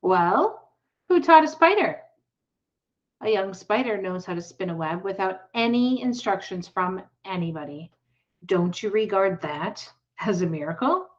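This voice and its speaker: A woman reading the part of a calm, thoughtful old country doctor in a storybook. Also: medium pitch, measured pace, dull audio, natural voice. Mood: musing.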